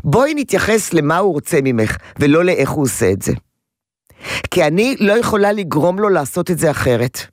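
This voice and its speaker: Animated woman giving parenting advice. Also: fairly low pitch, no echo, clean studio sound. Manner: animated and emphatic, repeats words for stress. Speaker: parenting advisor. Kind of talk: radio call-in advice.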